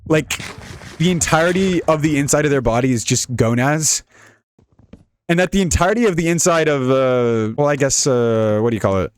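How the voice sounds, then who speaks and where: Lively, rambling young man. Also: on the high side, normal speed, no room sound. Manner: rambling, jokey, laughs often. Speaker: gaming YouTuber. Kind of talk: casual gameplay commentary.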